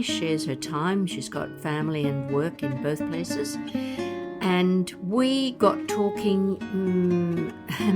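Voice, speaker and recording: A woman in her seventies with an Australian accent, hosting a podcast conversation in a chatty, rambling way. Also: lowish voice. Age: 70s. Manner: chatty, laughs easily, rambling asides. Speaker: podcast host. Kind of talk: conversational interview.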